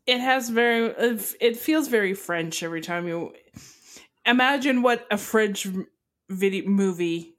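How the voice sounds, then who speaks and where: Casting: young Canadian woman podcast co-host, slow easygoing delivery, chatty and giggly. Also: medium pitch, fairly bright tone. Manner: chatty, giggly, playful with French words. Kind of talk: casual chat.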